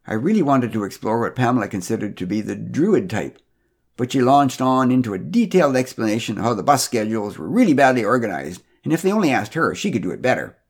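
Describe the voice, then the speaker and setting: A man narrating a storytelling podcast in a gentle, wry manner. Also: mid-range voice, big pitch swings, fast, slightly rough.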